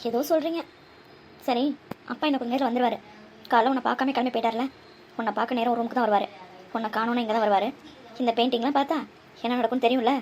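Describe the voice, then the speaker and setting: Woman as watchful cartoon mom, firm and probing, fairly high voice. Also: steady tone, racing, pauses often, noisy background, lightly acted. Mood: scolding. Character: probing middle-aged mother, stern and watchful. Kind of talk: cartoon voice acting.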